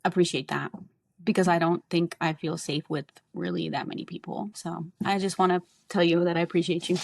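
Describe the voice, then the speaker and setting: A woman's voice: on the low side, a little fast, vocal fry, darkish tone, no echo. A young adult woman co-hosting a podcast, telling rambling stories in casual chat and swearing freely. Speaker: podcast co-host.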